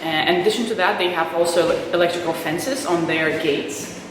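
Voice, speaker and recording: A woman's voice: lowish voice, fairly quick. Woman, casual interview explainer, super echoey room, noisy recording. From Belarus and South Africa. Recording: strongly echoing room with background noise.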